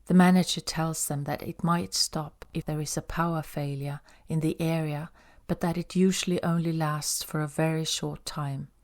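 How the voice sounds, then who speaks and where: A woman narrating an audiobook in a calm, even storytelling manner. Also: low voice, normal speed, hardly any pauses.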